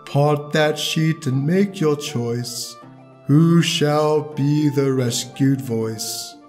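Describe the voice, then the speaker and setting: A man voicing a male game master who speaks in a slow, dreamy, ethereal ghost voice, sounding distant and chanting each line. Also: on the high side, darkish tone, soft background music. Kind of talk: storytelling narration.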